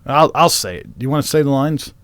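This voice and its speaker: A man's voice: mid-range voice, lively intonation, fast talker, fairly bright tone, clear, resonant tone, dry recording. A man co-hosting a casual podcast, rambling, swearing freely and laughing at his own confusion. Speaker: podcast co-host.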